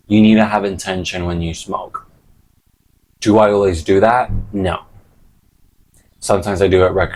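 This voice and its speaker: Male vlogger, low-pitched voice, loose sweary slang, casual rambling monologue. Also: rough recording. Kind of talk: casual rambling chat to camera.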